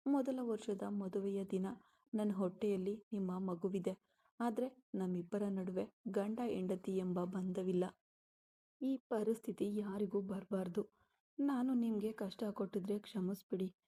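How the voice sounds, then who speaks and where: A woman voicing a heartbroken young pregnant wife, read softly in a storybook style. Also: medium pitch, measured pace, close to an everyday voice. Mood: sorrowful.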